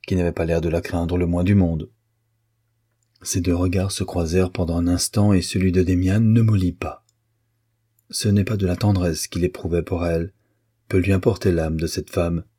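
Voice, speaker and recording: A man narrating a classic novel as an audiobook in a measured, even storytelling manner. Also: deep voice, breathy edge, dry recording, studio quality.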